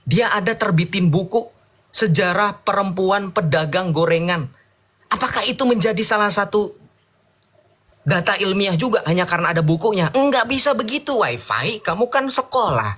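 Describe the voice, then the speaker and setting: A man's voice: sits high, lively intonation, moderate pace, a bit bright, breathy edge. A man debating heatedly, combative and sarcastic, lecturing his opponent and mixing casual slang with formal speech.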